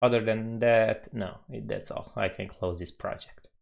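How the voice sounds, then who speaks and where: A man's voice: fairly low pitch, fairly even intonation, vocal fry, highs cut off. A young man from Romania with a Romanian accent, live-streaming a coding tutorial and thinking aloud at his desk. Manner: unhurried, musing, reads chat aloud.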